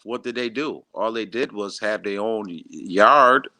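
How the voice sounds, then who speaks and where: A man hosting a casual livestream, talking in an animated, emphatic way, repeating words and reading out viewer comments. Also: on the low side, measured pace, dry recording. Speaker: livestream host.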